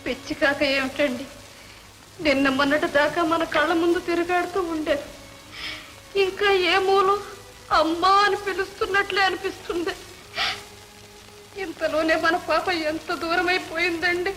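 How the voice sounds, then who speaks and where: A woman's voice: very high voice, fairly even intonation, normal speed, fairly bright tone, faint music behind, rough recording. A tearful grieving mother. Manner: pleading, sorrowful. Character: grief-stricken mother mourning her lost daughter.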